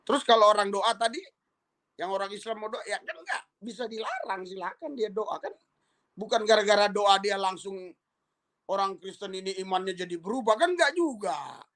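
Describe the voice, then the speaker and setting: A man speaking as an evangelist in a casual monologue. His tone is calm and persuasive, and he keeps checking in with the listener through tag questions. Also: high-pitched, normal speed. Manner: conversational, full of tag questions and repeated "ya".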